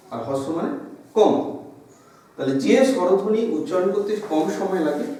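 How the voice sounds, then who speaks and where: A man's voice: on the high side, warm tone, slight background noise. A man teaching a grammar lesson in a classroom, explaining step by step and drawing out sounds to demonstrate them. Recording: echoey room from far off.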